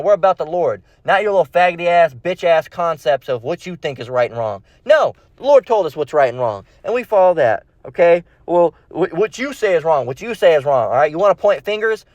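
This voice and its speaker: This man, a street-style Bible preacher, gives an improvised informal sermon with scripture reading; he's slangy, blunt, and confrontational, repeats himself often, and adds short checks like "all right?" and "okay?" His voice is a little high and a little mellow. The dull, dry lo-fi recording has no room sound.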